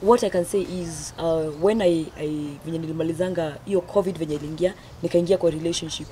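A young Kenyan woman talks quickly in a fairly low voice, telling stories in a casual mix of Swahili and English. Outdoor noise is audible around her. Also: steady tone, warm tone. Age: young adult. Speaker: guest, comedian. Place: outdoor garden. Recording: clearly noisy outdoor ambience.

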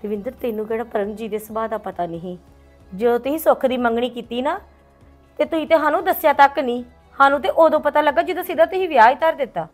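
A woman playing a sister-in-law who hosts a visitor and gives steady, reassuring advice with some gentle scolding, in a family drama. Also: high-pitched, quick pace, faint music behind, close to an everyday voice. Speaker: character in a family drama vlog. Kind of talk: hobby village family drama.

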